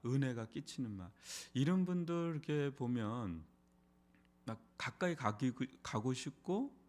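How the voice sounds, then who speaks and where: A man's voice: medium pitch, a little mellow. A middle-aged man, a pastor, preaching an early morning sermon in a church in a conversational way, with frequent rhetorical questions. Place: church sanctuary.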